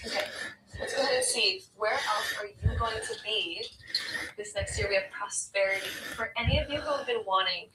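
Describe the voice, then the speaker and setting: A woman reads spiritual cards in a chatty, encouraging way, talking right to the listener. She sits far from the mic, and loud background noise runs under her voice. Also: medium pitch, normal speed. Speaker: spiritual card reader. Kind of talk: motivational card reading.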